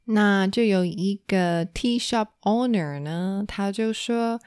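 Slow-paced Taiwanese-accented woman teaching casually. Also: medium pitch, darkish tone, no echo, clean studio sound. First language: Taiwanese Mandarin. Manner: explains and repeats key words. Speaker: Mandarin teacher and host. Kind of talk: casual bilingual language lesson.

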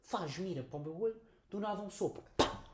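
A young man with a European Portuguese accent, telling a story in a casual podcast chat, animated, swearing often and acting out the scenes. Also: high voice, fairly quick. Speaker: podcast co-host.

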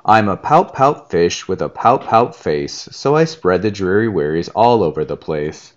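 A man's voice: low-pitched, expressive, measured pace, dull audio. A man doing a glum, pouting storybook fish. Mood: gloomy. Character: glum male fish, forever pouting and gloomy.

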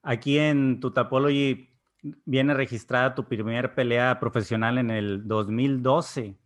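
A man in the host's seat of a talk podcast, at a mid pitch. He asks short, casual questions and keeps the talk moving along. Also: fairly even intonation, measured pace. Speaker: podcast host. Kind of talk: interview questions.

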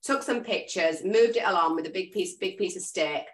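Chatty English woman, lively storyteller. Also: lowish voice, moderate pace. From England. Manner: chatty, expressive storyteller, self-described loud and noisy. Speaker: host of a dog trainers' association meeting. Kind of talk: casual chat.

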